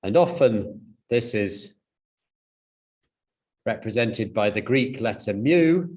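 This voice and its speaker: A man's voice: on the low side, a little mellow. A man giving a university lecture, explaining step by step, with frequent fillers and restarts.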